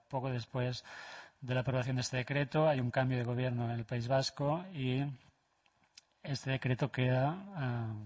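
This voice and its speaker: Male lecturer, mid pitch, measured delivery with many pauses and filler sounds. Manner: measured, with frequent hesitations. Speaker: lecturer presenting a paper. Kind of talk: academic presentation.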